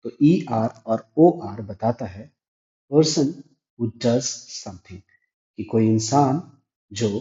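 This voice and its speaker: A man with a medium-pitched, dark voice gives a classroom-style English grammar lesson, moving step by step and asking and answering his own questions. The recording has an echoey room and a dull, lo-fi sound.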